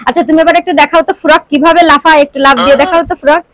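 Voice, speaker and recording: A woman's voice: high voice, fairly even intonation, racing, fairly bright tone. A woman vlogger coaxing and cooing in affectionate baby talk as she feeds and plays. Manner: sing-song, affectionate coaxing.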